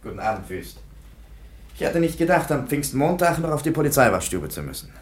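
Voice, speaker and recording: In a radio play, a police commissioner, perplexed and a bit dismissive, gives his report through an actor with a natural, brisk mid-range voice. The mood is bemused as he recounts events, in an animated, dismissive storytelling manner.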